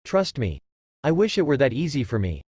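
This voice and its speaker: Brief: flat, deadpan young ninja guy, read by a man, mid pitch, dry. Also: normal speed, breathy edge, no echo.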